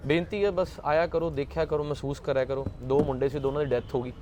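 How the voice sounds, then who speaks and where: Fast, consoling charity host. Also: male voice, on the high side, fairly even intonation. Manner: consoling, reassuring. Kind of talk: on-the-street charity interview.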